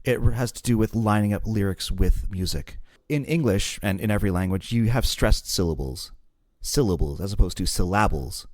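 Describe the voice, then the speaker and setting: Low-pitched guy chatting on a podcast, kinda self-deprecating, dead dry mic. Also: a little fast, few pauses, a little mellow, no echo. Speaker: podcast co-host. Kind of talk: casual podcast chat.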